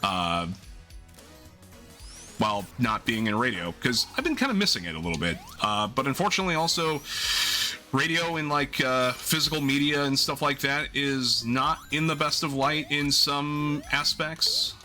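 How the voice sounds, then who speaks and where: Bright-voiced man chatting on a game stream. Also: medium pitch, expressive, normal speed, soft background music. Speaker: livestream host. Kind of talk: casual gaming stream chat.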